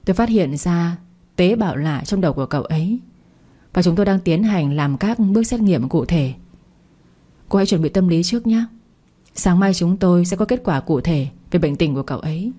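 A woman's voice: on the low side, lively intonation, warm tone, slightly rough. Woman doing a grave hospital doctor. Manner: grave, measured.

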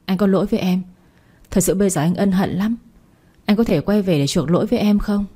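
A woman's voice: mid-range voice, brisk, mellow, breathy edge, natural voice. A woman voicing a remorseful young man who pleads and apologizes to his ex. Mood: pleading. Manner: begging, apologetic.

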